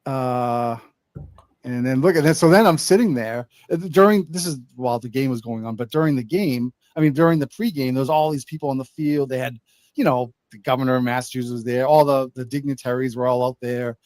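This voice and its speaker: Man, mid-pitched voice, rambling animated storytelling, dry close sound. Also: fairly quick, no room sound. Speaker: co-host telling a story. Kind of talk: casual chat.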